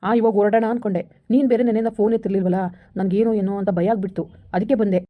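A young two-timing husband, acted by a woman, sweet-talking his way out of trouble at a rapid pace. He sounds coaxing and placating. The recording is dull and lo-fi. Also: medium pitch, fairly even intonation, lightly acted. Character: young married man, smooth-talking deceitful lover.

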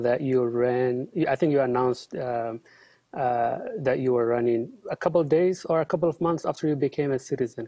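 A man hosting an interview, asking measured questions with some hesitation over a video call. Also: medium pitch, mellow, dry recording. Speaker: host.

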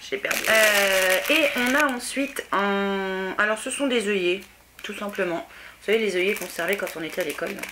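Young female vlogger, casual unboxing chat, mid-pitched, self-mocking, slight background noise. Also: moderate pace. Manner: chatty, self-deprecating, many fillers. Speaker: beauty vlogger.

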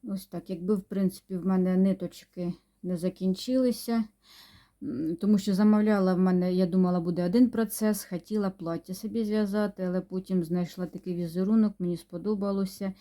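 A woman chatting unhurriedly about her knitting projects, pausing and humming as she talks, sometimes dropping to a near-whisper. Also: medium pitch, steady tone, dark tone. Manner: unhurried, chatty, with many pauses and hums. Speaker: knitting vlogger. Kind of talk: casual show-and-tell chat.

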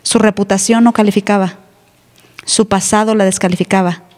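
A woman's voice: medium pitch, fairly even intonation, normal speed, darkish tone. A woman pastor, preaching an emphatic, teasing sermon in church. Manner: emphatic, teasing, plays other voices. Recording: live church hall reverb.

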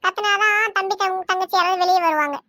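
A woman's voice: very high-pitched, a little fast, bright, forceful tone, no echo, clean studio sound. A woman voicing a caring, firm grandmother in a cartoon, reassuring and sometimes scolding, with a Kanyakumari Tamil accent. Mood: soothing. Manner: reassuring, scolding when needed.

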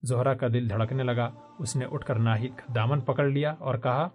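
A male narrator reads a historical novel aloud in a measured, expressive way. His voice sits at an ordinary middle pitch, steady and composed, with faint music underneath. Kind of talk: scripted story narration.

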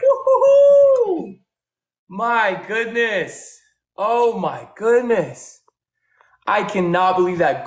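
A man hosting a livestream, repeating phrases and shouting countdowns to rally his viewers. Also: on the high side. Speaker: livestream host. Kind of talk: hyping viewers during a live battle. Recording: echoey room with faint music.

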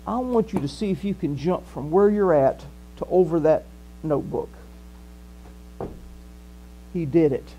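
A pastor from the American South, older and high-voiced, preaches slowly and pauses often in a small church hall. His sermon feels like conversation, and he paces the stage with animated gestures. A faint hum from the mains can be heard.

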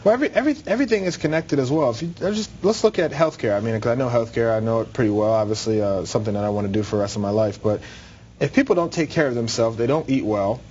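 A young man, a guest in a TV studio, explains his points clearly and at length. His voice sits in a middle pitch. The lapel mic sounds slightly dull, with faint hiss underneath. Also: animated, very fast, darkish tone. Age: young adult. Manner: articulate, explanatory. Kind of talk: studio interview. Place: TV studio with red curtains.

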